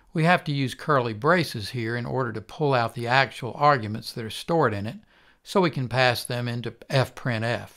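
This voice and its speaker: An older man instructor giving a calm, methodical recorded programming lecture. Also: medium pitch, creaky.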